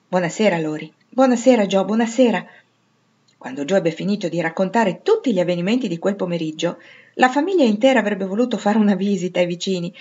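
A woman narrating a classic novel in a measured, steady way. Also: lowish voice, muffled recording. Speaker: audiobook reader.

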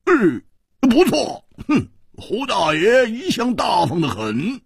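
A hot-headed swordsman, as a male storyteller puts him on stammers and blusters in high, loud bursts. The voice stays husky and is heard up close and dry. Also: wildly swooping pitch, fairly quick, dry recording, exaggerated voice. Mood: hot, blustering.

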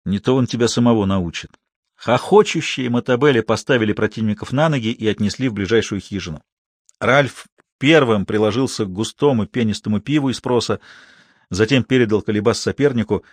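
A man reading a novel aloud as an audiobook narrator, steady and measured. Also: lowish voice, slightly rough, dry recording, clean studio sound.

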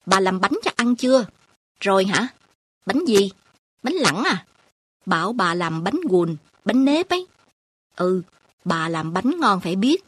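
A woman doing a lively, teasing village aunt. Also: mid-range voice, breathy edge, dry recording, studio quality. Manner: brisk, teasing country talk.

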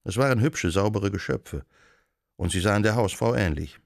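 A man reads a novel aloud as an audiobook narrator, measured and even in delivery. His voice is very deep with a gravelly edge. The recording is dry and close with no room sound. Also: no echo. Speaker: audiobook reader. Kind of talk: scripted narration.

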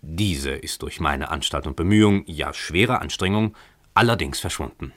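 A man reading a classic tale aloud, voicing a calm, wry, impoverished tenant who explains himself with mock earnestness. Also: a bass voice, moderate pace, voice pushed down, full character voice. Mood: composed.

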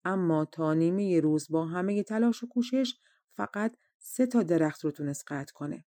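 A woman narrating a folk tale for an audiobook in a steady, measured storytelling manner. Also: fairly low pitch, no room sound, clean studio sound. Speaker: audiobook reader.

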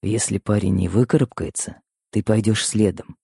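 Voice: medium pitch, brisk, darkish tone, dry recording, clean studio sound, pitched above the performer's own voice, close to an everyday voice. A reader voicing a menacing, commanding tough man who barks threats in an audiobook. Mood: cold menace. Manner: barking, threatening.

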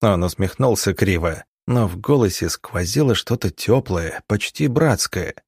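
Man narrating an adventure story, low dry voice. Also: expressive, unhurried, darkish tone, breathy edge, dry recording. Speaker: audiobook narrator. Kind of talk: scripted narration.

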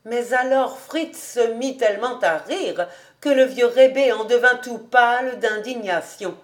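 A woman reading a classic novel aloud as an audiobook, calm and even-paced. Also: fairly high pitch, a little slow. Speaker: audiobook reader.

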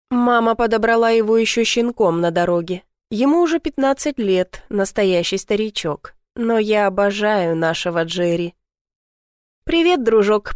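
A woman narrating a first-person story in an earnest, steady storytelling manner. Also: mid-range voice, dry recording, clean studio sound.

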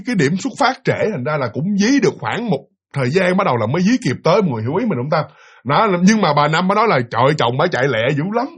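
A man narrating a ghost story in an animated, dramatic way, speaking directly to his listeners. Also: a little high, breathy edge.

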